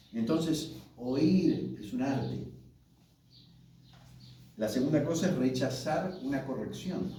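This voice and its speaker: A man in his sixties with an Argentine accent, preaching warmly and conversationally to married couples at a workshop, asking his audience questions as he goes. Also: a little high. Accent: Argentine Spanish. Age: 60s. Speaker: pastor leading a marriage workshop. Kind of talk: colloquial sermon to married couples. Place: church hall with an audience. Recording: very echoey hall, voice from far off, faint noise.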